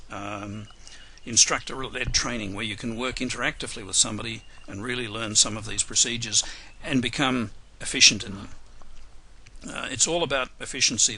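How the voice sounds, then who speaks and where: A software trainer leads a live tutorial webinar, hoarse and losing his voice, speaking unhurriedly at medium pitch with many fillers and restarts. The recording is rough, with slight background noise.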